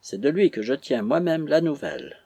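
A bullying, indignant captain hurls accusations, as a man puts him on in a raised, husky voice. The reading is dry and close, a storybook told aloud. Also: on the high side, lively intonation, moderate pace, dark tone, no room sound. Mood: gruff. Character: blustering Dublin captain, indignant swindler.

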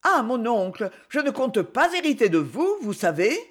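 A man's voice: very high voice, sing-song, moderate pace, voice pushed up, heavily acted. A man voicing a greedy, scheming woman feigning modesty in an audiobook. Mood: coy. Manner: coy, falsely modest.

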